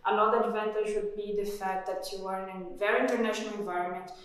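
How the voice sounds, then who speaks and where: A woman's voice: medium pitch, steady tone, quick pace. A woman in her thirties from Brazil, an automotive engineer, speaking matter-of-factly indoors. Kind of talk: testimonial interview. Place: indoor room with poster. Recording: very echoey room, distant mic.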